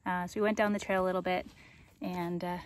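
A woman's voice: on the low side, little pitch movement, fairly quick. A woman in her forties chatting and laughing while vlogging a hike outdoors, camera at arm's length. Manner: giggly, chatty, teasing. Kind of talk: casual hiking vlog chat. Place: outdoors on a forest trail. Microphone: camera held at arm's length.

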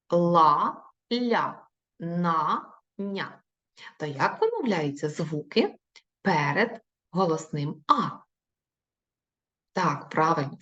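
Lively sing-song woman teacher, lo-fi. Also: low voice. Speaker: primary school teacher. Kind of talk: recorded video lesson for children. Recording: dull lo-fi recording.

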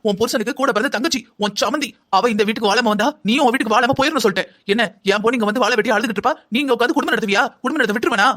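A voice actor playing an angry middle-aged mother in a cartoon drama, scolding in a rapid-fire way. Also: on the high side, fairly bright tone. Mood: furious. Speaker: bride's mother.

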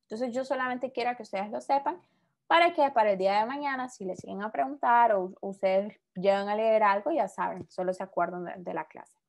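A woman's voice: mid-range voice, fairly quick, gravelly. A woman teaching a recorded English vocabulary lesson, explaining each word patiently and repeating it.

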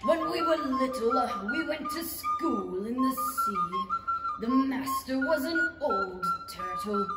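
Woman playing a slow, doleful Mock Turtle. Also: high-pitched, wildly swooping pitch, loud music behind the voice, heavily acted. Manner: doleful, ponderous, drawn-out. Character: mournful, touchy old-fashioned Mock Turtle creature. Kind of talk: 1930s-style stage radio play acting. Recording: echoey hall, distant mic.

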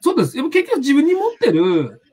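A man's voice: extremely high pitch, wildly swooping pitch, quick pace, darkish tone. A man with a Tsugaru dialect accent, hosting a casual live-stream chat as a lecturer, rambling and hunting for words with lots of fillers. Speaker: host, personality psychology lecturer.

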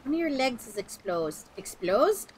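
A woman's voice: fairly high pitch, sing-song, brisk, sharp tone, slight background noise. A woman giving casual, chatty gameplay commentary in a playful, exclaiming way. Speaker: game streamer. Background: game music.

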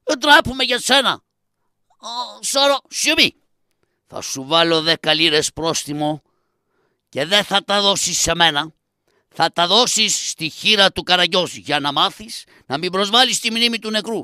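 Man voicing a bossy puppet-play official who scolds and issues fines; high, clean, bright voice. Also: animated, smooth, no echo, studio quality, heavily acted. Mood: scolding. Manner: scolding, commanding. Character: stern male official handing out fines, bossy. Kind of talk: traditional shadow-puppet theatre.

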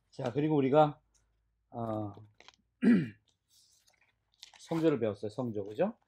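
A man's voice: medium pitch, lively intonation, drawn-out words, creaky, long pauses, dark tone, husky. Korean man teaching Chinese tones. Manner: drills tones aloud, asks for repetition. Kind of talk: classroom lecture.

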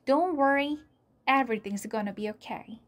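A woman voicing an anxious young boy who tries to stay calm, with earnest, urgent storybook dialogue. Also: high voice, moderate pace, pitched above the performer's own voice, natural voice.

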